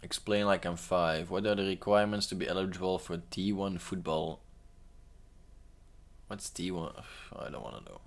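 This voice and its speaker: A man's voice: low-pitched, level tone, moderate pace, long pauses. A man streaming casually, reading online posts aloud and adding rambling offhand asides. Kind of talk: casual livestream commentary.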